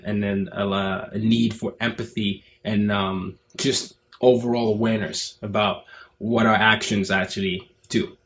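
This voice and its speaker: A man's voice: on the low side, a little hiss or hum. Earnest young man with an American accent. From Nigeria. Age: 20s. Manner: earnest, reflective, thinks aloud. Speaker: summit speaker. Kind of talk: casual talk to camera.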